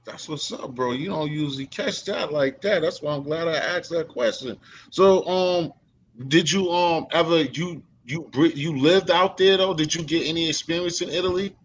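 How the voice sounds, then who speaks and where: A man's voice: a little high, moderate pace, a little hiss or hum. A man hosting a casual interview, talking in a loose, rambling way with lots of fillers. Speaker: host.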